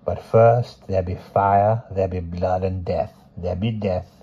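A man voicing an ancient female fortune teller who speaks slowly and deliberately in rhythmic, cajoling phrases. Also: deep voice, fairly even intonation, slightly rough, highs cut off, heavily acted. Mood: ominous. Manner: slow, deliberate, rhythmic speech.

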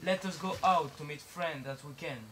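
A man's voice: on the high side, moderate pace, fairly bright tone, slight background noise, lightly acted. A man playing a defiant runaway teenage boy who is rowing, bossy, insistent and mocking. He performs on an outdoor garden stage. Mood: bickering.

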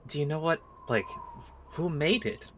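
Lively-toned male tabletop player. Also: on the high side, moderate pace, a little hiss or hum. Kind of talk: tabletop game play.

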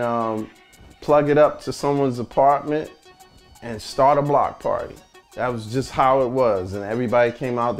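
Relaxed middle-aged New man. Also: medium pitch. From the Bronx, New York. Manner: relaxed, conversational recollection. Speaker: filmmaker and music producer. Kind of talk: documentary interview storytelling.

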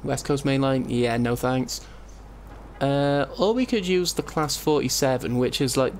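A man giving casual gameplay commentary, rambling and thinking aloud, often interrupting himself. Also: mid-range voice. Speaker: let's play host. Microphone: compressed desktop microphone, voice-over. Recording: faint room noise, keyboard typing, compressed mic. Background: keyboard typing and background noise.

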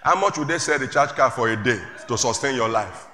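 A male pastor preaching a sermon to a congregation, calling out questions and rising to shouts. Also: mid-range voice, a little fast. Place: church hall with congregation. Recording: echoey church hall, faint room noise.

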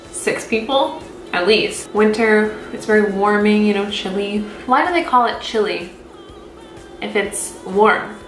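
A woman's voice: mid-range voice, a bit bright, a little hiss or hum. Chatty woman vlogging in a roomy kitchen. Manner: chatty, rambling, self-mocking. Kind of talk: casual cooking vlog. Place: small home kitchen.

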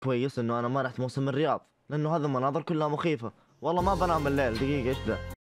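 A man's voice: medium pitch, racing, soft background music. A man with a Saudi accent hosting a reaction show, making wry, incredulous comments about online clips. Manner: wry, incredulous asides with mock disbelief. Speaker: host reacting to TikTok clips. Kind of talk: casual comedic commentary.

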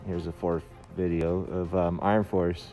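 A man giving halting, casual gameplay commentary, his voice muffled by a face mask. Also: sits low, level tone. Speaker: gamer narrating own gameplay video. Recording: game music and gunfire behind. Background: game music, gunfire, vehicle sounds.

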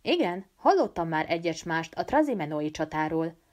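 A woman's voice: deep voice, very animated, a little mellow. A woman voicing an easygoing young male student from Pisa, light, evasive and teasing. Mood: light, wry.

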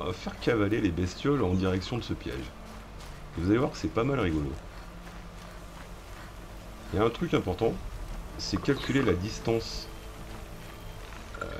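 A man giving casual let's-play commentary as a streamer, chatty, slangy and joking as he addresses his viewers. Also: sits low. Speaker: gaming streamer. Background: game music.

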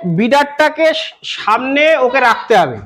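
A goat farmer from West Bengal explaining breeding to an interviewer, often checking that the listener follows. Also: male voice, extremely high pitch, very animated, unhurried, fairly bright tone. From West Bengal, India. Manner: repeats "কিন্তু" and "বুঝতে পেরেছেন?" often. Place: goat farm, outdoors.

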